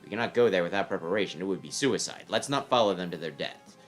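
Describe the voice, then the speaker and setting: A low-voiced man reading as a stern imperial general in a fantasy game. He is dutiful and restrained, speaking with military formality over light music. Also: expressive, quick pace.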